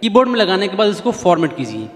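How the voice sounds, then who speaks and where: A man's voice: high-pitched, sing-song, fast talker, long reverb tail. A man hosting a casual how-to keyboard tutorial, chatty and repetitive, often asking viewers to keep watching. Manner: chatty, repeats points, pleads with viewers.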